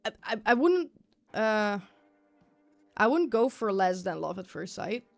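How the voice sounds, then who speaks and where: A woman's voice: medium pitch, very animated, a little slow, gravelly. A woman chatting casually on a livestream, rambling and repeating herself in an informal, sweary way. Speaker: live streamer. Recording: music playing behind the voice. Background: music.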